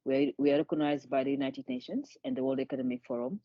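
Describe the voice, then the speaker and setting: In dull, echo-free audio, a woman in her 50s from Senegal, founder of a charity, gives an earnest conversational interview. Her extremely low, warm voice moves fast with fairly even intonation, and she often restarts, repeating words and laughing lightly.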